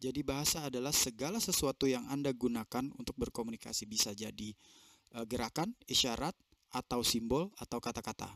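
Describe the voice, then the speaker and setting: A man's voice: mid-range voice, fairly quick, a bit bright, no echo, clean studio sound. A man giving consecutive interpretation of a seminar over a video call, translating phrase by phrase with fillers and self-corrections.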